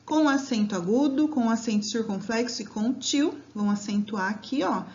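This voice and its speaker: A woman's voice: a little high, expressive, a little mellow. A woman teacher giving a grammar lesson to children, drawing out words syllable by syllable and checking in with "né?" and "tá?". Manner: patient, drawn-out syllables with frequent "né?" and "tá?". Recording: dull lo-fi home recording.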